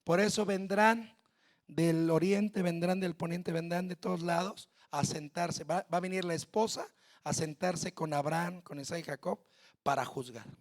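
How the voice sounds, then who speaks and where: A male pastor with a Mexican Spanish accent preaching a sermon, speaking straight to the congregation and building to shouted peaks. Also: sits high, fairly even intonation, normal speed. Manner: preaching with shouted climaxes and direct address to the congregation.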